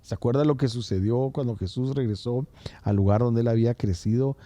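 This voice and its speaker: A male pastor preaching a sermon, swinging from raised proclamation to hushed, near-whispered passages and speaking directly to his listeners as brothers. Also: medium pitch, brisk, no room sound.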